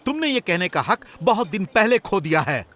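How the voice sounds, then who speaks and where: A fiery, impassioned revolutionary leader. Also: male voice, sits high, very animated, normal speed, a bit bright, slight background noise. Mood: earnest. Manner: impassioned, declaiming. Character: fiery male revolutionary leader addressing bankers. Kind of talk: film dub.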